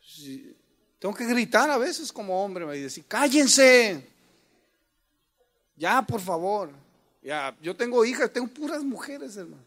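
High-voiced pastor preaching. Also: male voice, big pitch swings, moderate pace. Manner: joking, suddenly shouts quoted commands; calls the congregation brothers. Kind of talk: humorous sermon.

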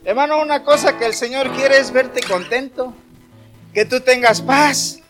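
High-voiced fervent man preaching. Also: measured pace, over music. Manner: fervent, shouting praises and acting out a story. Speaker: preacher leading worship. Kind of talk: lively evangelical preaching.

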